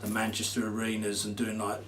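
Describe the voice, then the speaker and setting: A man's voice: fairly low pitch, completely flat delivery, a little fast, far from the mic, slight background noise. A man in a casual interview, telling stories about touring in a chatty, slangy way and laughing often. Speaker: band musician, interviewee. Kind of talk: casual chat.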